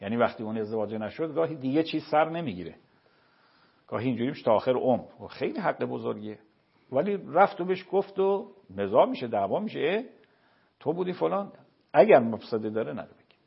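A man, a cleric, answering listeners' religious questions in a measured, explanatory way and quoting scripture. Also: medium pitch, very animated, vocal fry, breathy edge, dull audio. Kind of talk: explaining religious rulings on a show.

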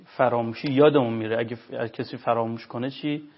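A man's voice: mid-range voice, fairly even intonation, lo-fi sound. A man hosting a religious question show, politely passing on listeners' questions and pressing with follow-ups. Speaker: host.

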